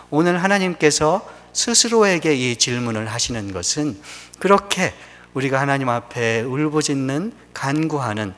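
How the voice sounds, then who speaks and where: Earnest preaching man in a reverberant hall. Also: fairly high pitch. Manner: earnest preaching, rising to emphatic peaks and dropping to hushed lines. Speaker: pastor. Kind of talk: sermon.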